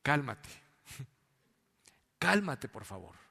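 A preacher doing a stern blunt old general. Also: male voice, medium pitch, big pitch swings, very slow, gravelly, pushed and bright, breathy edge, in a large hall, heavily acted. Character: stern blunt male army general scolding a king.

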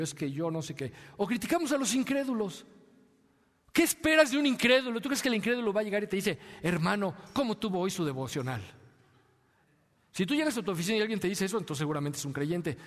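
A man with a Mexican accent preaching a sermon, asking rhetorical questions and sometimes dropping to a soft, low voice. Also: fast. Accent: Mexican Spanish. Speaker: pastor. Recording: long hall reverb.

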